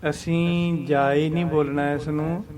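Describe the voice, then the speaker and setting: A man teaching scripture pronunciation, patiently chanting verses slowly and explaining them. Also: a little high, level tone.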